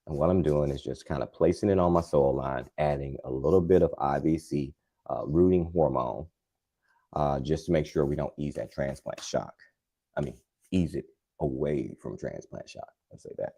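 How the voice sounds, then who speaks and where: A man with an extremely low voice talks gardening in a live demo. His tone is dark and mellow, and his delivery is calm, unhurried and soothing. He rambles casually with plenty of fillers. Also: gravelly, breathy edge. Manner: chatty and rambling, with many fillers. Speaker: gardening channel host.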